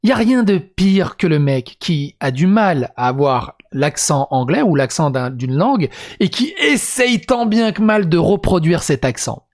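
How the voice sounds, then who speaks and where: A man's voice: fairly high pitch, big pitch swings, unhurried. A man reading a script and breaking into crude, sarcastic asides as a video commentator. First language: French. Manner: crude, sarcastic asides between read passages. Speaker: YouTube commentator.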